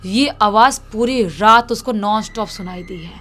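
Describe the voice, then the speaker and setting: A woman's voice: medium pitch, unhurried, a bit bright, faint music behind. A woman telling a horror story as a storyteller, building suspense as she narrates. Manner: suspenseful, rising with intensity.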